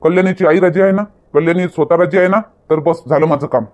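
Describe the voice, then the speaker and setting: A man's voice: on the high side, fairly even intonation, fast, darkish tone, natural voice. A man playing a defiant lovestruck young villager. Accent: Marathi. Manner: earnest and defiant. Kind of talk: comedy sketch acting.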